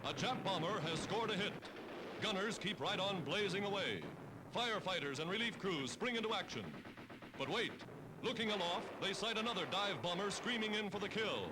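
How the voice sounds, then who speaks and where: High-pitched 1940s newsreel announcer, man. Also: expressive, moderate pace, noisy background. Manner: dramatic, punchy announcing. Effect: old newsreel recording with music. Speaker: newsreel narrator. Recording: old newsreel soundtrack with music under.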